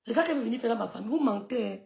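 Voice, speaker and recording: A woman's voice: fairly high pitch, animated, racing, creaky, warm tone. A middle-aged woman, ranting scornfully on a live stream and scolding people she accuses of stirring up trouble. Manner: scolding, scornful, repeats dismissive sucks of the teeth. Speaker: social media gossip streamer. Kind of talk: heated live-stream rant.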